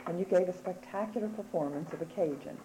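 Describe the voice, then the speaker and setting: A woman's voice: lowish voice, fast, background noise. A woman interviewing a relative, fondly recalling a family event as she sets up her question. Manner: fond, reminiscing storytelling. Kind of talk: casual chat.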